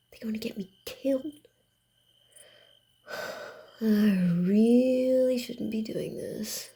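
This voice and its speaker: In a soft ASMR roleplay, a woman plays a wary vampire who teases dryly, grumbles, hesitates, and often drops to a whisper. Her voice sits on the high side and is creaky, and the mood is one of uneasy musing.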